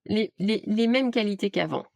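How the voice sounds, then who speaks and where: Woman guest, gravelly voice, dry close sound, hesitant with restarts. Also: medium pitch, normal speed, darkish tone, no room sound. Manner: hesitant, many restarts and fillers. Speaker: guest, art director and AI trainer. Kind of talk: casual interview talk.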